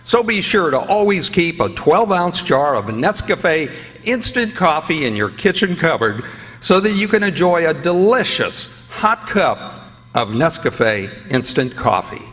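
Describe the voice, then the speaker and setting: A man's voice: fairly high pitch, sing-song, a little slow. A man announcing in a formal 1940s radio style, presenting programmes and sponsor messages. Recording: reverberant old radio broadcast, loud music behind.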